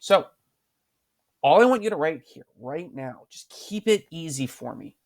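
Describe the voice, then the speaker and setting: A male teacher records a writing lesson at his computer, speaking in a fairly high, animated voice that's a little mellow. He keeps a measured pace, talking patiently and repeating questions to prompt his students.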